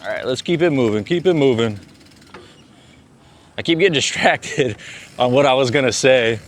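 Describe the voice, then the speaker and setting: A man's voice: medium pitch, normal speed. A man chatting casually to camera as he rides a bike through city streets, laid-back and talkative. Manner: laid-back, chatty, says "dude" a lot. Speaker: vlogger. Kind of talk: casual vlog chatter while riding.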